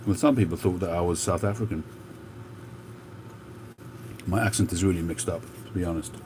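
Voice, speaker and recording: This livestream host has a very deep, slightly mellow voice and an English accent that mixes Cockney with North London. Traffic and street sounds are clearly audible as he drifts through a relaxed chat at an unhurried pace, pausing often with fillers.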